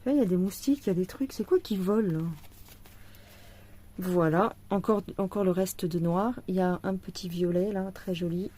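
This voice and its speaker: Brief: woman vlogger, tired, chatty, mellow warm tone, indoors at home. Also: lowish voice, moderate pace. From France. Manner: chatty, talks to the viewer, laughs often. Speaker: cross-stitch vlogger. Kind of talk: casual chat unboxing a craft kit.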